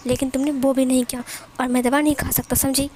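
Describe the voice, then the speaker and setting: A woman plays a pouty, sharp-tongued young husband who bickers and scolds. The voice is high and light, with faint background hiss. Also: level tone, fast talker. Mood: bickering.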